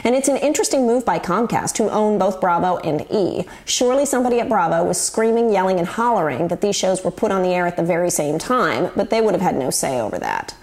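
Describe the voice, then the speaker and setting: A woman's voice: lowish voice, animated, quick pace, hardly any pauses, darkish tone. A woman in her forties hosting a show, giving wry, chatty, scripted commentary to the camera. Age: 40s. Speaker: host.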